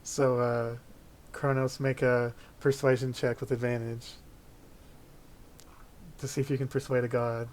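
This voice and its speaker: Even-toned man running a tabletop game. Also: mid-range voice, a little slow, pauses often. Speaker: game master.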